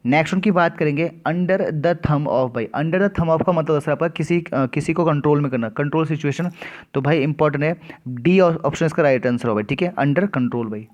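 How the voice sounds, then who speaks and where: A man with a slightly high-set voice coaches students through English exam questions, mixing Hindi and English as he goes. He keeps a steady, chatty teaching rhythm, tacking "theek hai" and "bhai" onto almost every point. When he reads out the English test sentences, he slows right down and takes them word by word. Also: highs cut off. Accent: Uttarakhand Hindi. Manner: repeats "ठीक है" and "भाई" constantly, addresses students directly.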